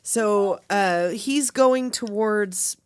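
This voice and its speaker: A woman's voice: mid-range voice, very slow, clean tone, no echo, studio quality. A woman co-hosting a podcast, chatting casually and jokily about a film, swearing freely and laughing often. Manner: animated, profane, laughs often, jokey. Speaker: podcast co-host. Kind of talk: casual chat recapping a film.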